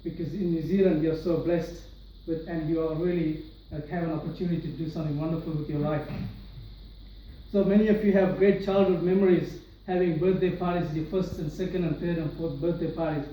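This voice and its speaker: A young man from Sri Lanka, speaking in a fairly high, steady, dark-toned voice, delivers his testimony fairly quickly and earnestly to an audience in a large room. He restarts often and uses many fillers. The distant, echoey hall recording carries a little hiss or hum.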